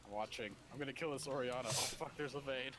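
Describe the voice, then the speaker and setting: A man's voice: mid-range voice, quick pace, a bit bright, slight background noise. A man chatting casually while gaming, rambling and swearing freely. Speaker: gamer.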